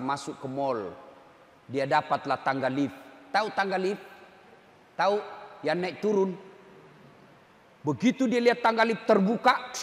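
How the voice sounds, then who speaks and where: A man preaching a humorous sermon to a crowd, joking and swinging between loud and soft. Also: sits high. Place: large hall with an audience. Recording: echoey hall, faint ambience.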